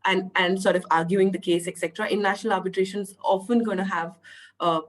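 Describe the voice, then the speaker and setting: A woman's voice: medium pitch, steady tone, poor audio. A woman speaking on an online panel, nasal from a cough, earnest and full of "uh" fillers. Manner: earnest, filler-heavy, deliberate. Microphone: video call.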